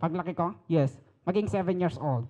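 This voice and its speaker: Woman putting on a six-year-old boy puppet, cheeky, slow mumbling wisecracks, lower and quieter than her own voice, ventriloquist act. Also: lightly acted.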